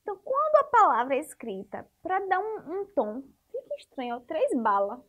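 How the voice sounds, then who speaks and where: A woman's voice: very high voice, wildly swooping pitch, brisk, bright, forceful tone, highs cut off. A woman teacher giving a spelling lesson to young children, asking the class questions and patiently repeating each rule. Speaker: primary school teacher.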